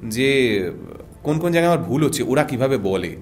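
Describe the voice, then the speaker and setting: A man's voice: mid-range voice, expressive, brisk, faint music behind. Earnest Bengali radio voice artist man. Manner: earnest, emphatic advice with rhythmic repetition. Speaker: radio jockey and voice artist guest. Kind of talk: podcast conversation.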